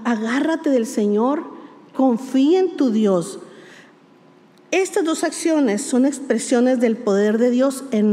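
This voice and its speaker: A woman's voice: high voice, a little mellow. A woman pastor, preaching emphatically, repeating key words and asking rhetorical questions. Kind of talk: sermon. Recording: long hall reverb.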